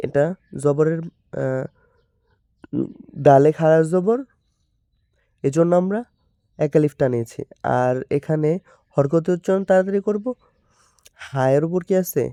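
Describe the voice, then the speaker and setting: Man, Bangladeshi accent, Quran reading teacher, slow repetitive drilling, clear tone. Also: on the high side, warm tone, no room sound, clean studio sound. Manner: slow, drawn-out drilling with repeated syllables. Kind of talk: spelling out Arabic letters and vowel marks, then reading words slowly.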